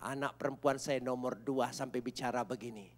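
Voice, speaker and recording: A middle-aged man, a pastor, telling his own story to a church congregation, dramatic, dropping to hushed whispers and rising to shouts. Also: medium pitch, steady tone, fairly quick. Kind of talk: testimony sermon to a congregation. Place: large church service.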